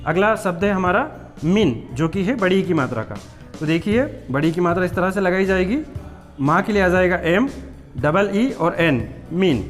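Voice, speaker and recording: A man's voice: high-pitched, expressive, moderate pace, big-room sound, soft background music. A man teaching a patient, step-by-step spelling lesson, repeating words and checking that students follow. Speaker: English teacher. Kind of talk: classroom-style spelling lesson.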